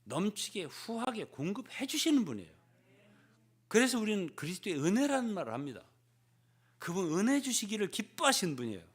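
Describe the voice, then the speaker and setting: Older male pastor, preaching, lively swooping pitch, slightly high voice, checks in with the congregation, acts out quoted prayers. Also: a little fast, husky. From South Korea. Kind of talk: sermon.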